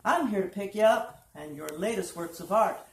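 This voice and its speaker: A woman's voice: mid-range voice, animated, moderate pace, recorded from a distance, slight background noise, lightly acted. A woman voicing a male recording engineer in a plain, offhand way, in a roomy space. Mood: helpful.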